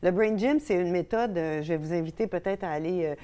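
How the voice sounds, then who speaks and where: A woman's voice: on the low side, fairly quick, dark tone. A middle-aged woman with a Québécois accent who hosts a laughter yoga show. She guides exercises in a bubbly way, bursting into hearty laughs and ho-ho-ha-ha chants. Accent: Québécois French. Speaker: laughter yoga instructor and host. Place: TV studio.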